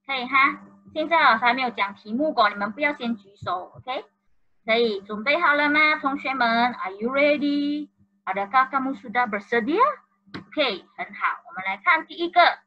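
A woman's voice: high voice, expressive, moderate pace, muffled recording. A woman teaching an online primary school class in Malaysian Mandarin, mixing in Malay and English words and coaxing the pupils along. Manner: encouraging, coaxing. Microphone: video call.

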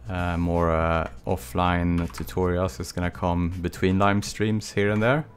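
In an unhurried, low-pitched voice, a Swedish man in his thirties with a Swedish accent chats casually with viewers while streaming a texturing tutorial. He works from a small home studio with a desk mic and webcam, relaxed and chatty, answering the chat between long quiet stretches.

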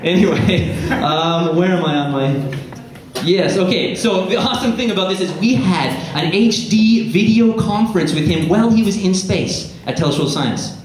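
A man in his thirties giving an informal, jokey, halting, self-deprecating stage talk as a science presenter. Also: sits high. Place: theatre stage before an audience. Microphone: handheld microphone. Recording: echoey theatre PA with audience noise.

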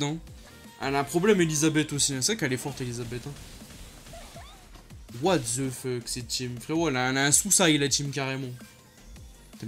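A young man, giving casual commentary over his own gameplay and reacting loudly to what happens on screen. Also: fairly high pitch. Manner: excitable, slangy, reacts loudly to the game. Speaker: gaming YouTuber. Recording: faint music behind.

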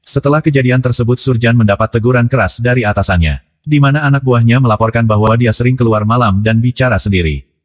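A man with an Indonesian accent reads a scripted movie recap at a rapid clip. His voice sits in an ordinary middle register, and his storytelling delivery stays brisk and even as he moves from one scene to the next. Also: mid-range voice. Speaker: film recap narrator. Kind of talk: scripted film recap narration.

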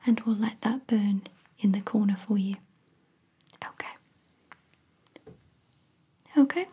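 A woman whispering as a spa therapist in an ASMR roleplay, soft, soothing and attentive as she walks a client through a treatment. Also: mid-range voice, normal speed, husky, highs cut off.

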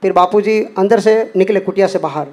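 A man's voice: high voice, brisk, a little mellow. A man giving an earnest spoken testimony as a devotee, acting out the dialogue he quotes. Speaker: devotee sharing a personal experience.

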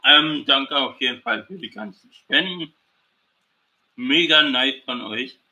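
A man's voice: mid-range voice, takes it slowly, bright, forceful tone. A man hosting a livestream, talking casually with laid-back, dry teasing remarks. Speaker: streamer host.

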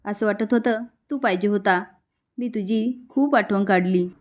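A woman's voice: medium pitch, unhurried, darkish tone, close to an everyday voice. A woman reading an earnest pleading young daughter. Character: young daughter pleading with her father, devoted and tender.

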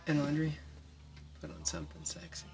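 Man playing pushy young boyfriend, slangy, cajoling, fry in the voice, horror-comedy film, clear music behind. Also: a little high, level tone, fairly quick, close to an everyday voice. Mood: coaxing. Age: young adult. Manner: slangy, coaxing, cocky. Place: inside a parked car.

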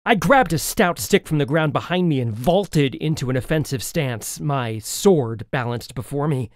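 Male audiobook narrator, fairly high and very animated, dry studio sound. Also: moderate pace, no room sound. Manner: expressive, lively storytelling. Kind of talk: first-person audiobook narration.

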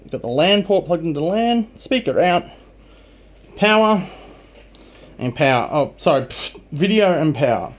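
A man in his twenties narrates as a video blogger, casual and chatty, showing things hands-on while filming with a handheld camera in a small room at home. His voice is on the high side, sing-song and unhurried, and his manner is informal. Faint background noise can be heard.

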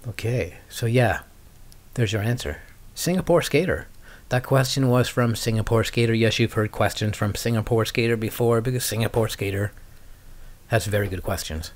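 A man hosts a skating podcast, answering viewer questions in a casual, rambling chat laced with dry, wry humour. His voice is mid-range with a darkish tone.

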